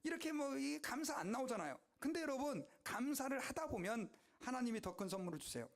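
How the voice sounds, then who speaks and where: A man's voice: extremely high pitch, brisk. A male pastor preaching a sermon, telling stories animatedly and calling out to his congregation. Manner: animated, exclamatory storytelling to the congregation.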